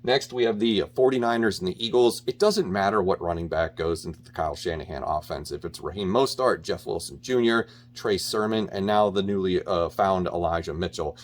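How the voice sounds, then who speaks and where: A man's voice: deep voice, fairly quick, few pauses, slight background noise. A man talking through his weekly football picks in a casual, opinionated way, with frequent ums and restarts. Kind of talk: casual solo sports picks talk.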